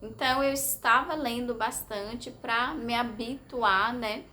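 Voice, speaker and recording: A woman's voice: fairly high pitch, fairly even intonation, takes it slowly, bright, forceful tone, a little hiss or hum. A Brazilian woman talking casually to her viewers, chatty and hesitant, often tagging on little questions and filler sounds. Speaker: vlogger sharing language-study experience. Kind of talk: casual talk to camera.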